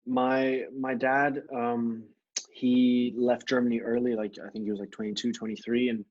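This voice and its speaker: A man from Thailand, a podcast guest, chatting casually in a relaxed, rambling way with many fillers and restarts, heard over a video call. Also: medium pitch, normal speed, lo-fi sound. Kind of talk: casual conversation. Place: grandmother's home.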